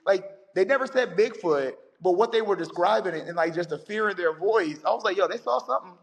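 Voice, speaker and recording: A man who is a science teacher, chatting on a podcast as a guest and telling stories with animated energy. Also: high voice, brisk, gravelly, in a large hall. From United States. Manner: animated storyteller, acts out callers in quotes. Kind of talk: casual podcast chat.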